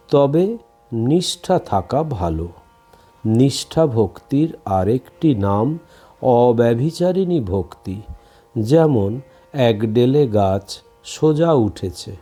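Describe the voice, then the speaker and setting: A man reading a devotional scripture aloud in a slow, measured recitation. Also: medium pitch, warm tone. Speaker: scripture reader.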